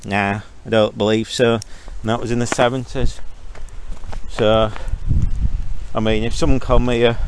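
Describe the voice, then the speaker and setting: Man, forties, born in Zambia, ranting vlog monologue, mid pitch, walking outdoors, faint background noise. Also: little pitch movement, a little slow. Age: 40s. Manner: ranting, sarcastic, opinionated. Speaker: vlogger. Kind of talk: rambling opinion monologue. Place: outdoors, walking past a stream.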